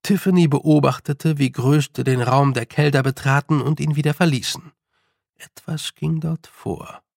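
A man narrating a storybook in a calm, unhurried reading style. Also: fairly high pitch, vocal fry, dry recording, studio quality. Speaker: audiobook narrator. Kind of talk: scripted narration.

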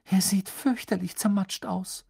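Man voicing teenage girl, clever, anxious, shrill, high, storybook. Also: fairly even intonation, a little slow, creaky, mellow, breathy edge, no room sound, clean studio sound, full character voice. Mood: concerned.

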